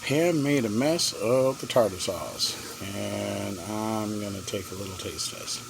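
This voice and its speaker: In a casual cooking vlog, a man with a fairly low, gravelly voice and a measured pace chats folksily while frying fish, now and then talking with his mouth full. He is cooking on a propane cooker in a camper kitchen. The noisy home video captures frying and boiling water.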